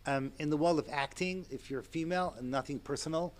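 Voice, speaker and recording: A man in his sixties giving a Torah lecture to an audience, animated and chatty, with asides and chuckles. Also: on the high side, fast. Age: 60s. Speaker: rabbi and lecturer.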